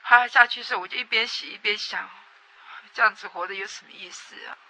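A young woman from Taiwan, giving a personal testimony in a halting way that repeats words and swings between loud and soft. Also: mid-range voice, fairly even intonation. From Taiwan, Atayal people. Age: young adult.

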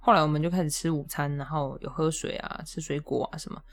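A woman hosts a podcast and tells a story in a casual, chatty way. Her voice sits fairly low, then jumps high in exasperated bursts. She laughs often as she talks. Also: steady tone, quick pace. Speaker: podcast host.

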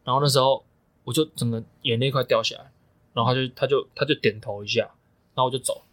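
A man's voice: medium pitch, steady tone, fast, a bit bright, no echo. A young man, a coach co-hosting a podcast, telling stories emphatically and swearing freely. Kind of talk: casual podcast chat.

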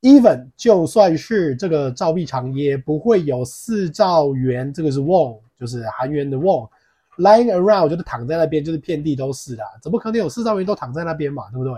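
A man teaches English pronunciation on his podcast, drilling words by repeating them slowly. His voice sits a bit high for a man, yet sounds husky and mellow. Between the drills he explains things in a lively, joking way. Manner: lively, jokey aside. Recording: podcast mic.

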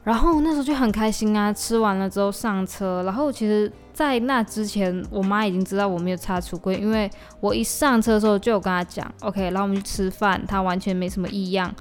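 A woman's voice: mid-range voice, brisk, few pauses, faint music behind. A young woman, venting in casual podcast chat and slipping into English now and then. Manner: venting, weary, drifts into English exclamations. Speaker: podcast host.

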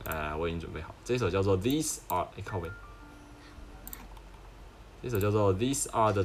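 A man's voice: on the low side, slight background noise. A young man with a Taiwanese Mandarin accent, chatting casually as a stream host and telling stories, sometimes mimicking others in a raised voice. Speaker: livestream host. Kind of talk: casual chat. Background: background music.

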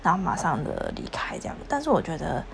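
A young woman co-hosting a podcast with her husband, telling a story in a lively way and pressing him to admit he was wrong. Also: low voice, fast, vocal fry, a little hiss or hum. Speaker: podcast co-host. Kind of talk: casual chat.

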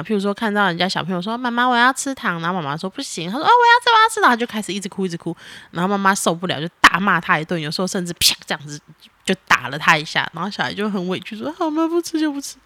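A woman, chatting casually on a podcast as a mother talking with her child, animated and exasperated in a teasing way. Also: fairly low pitch, no echo.

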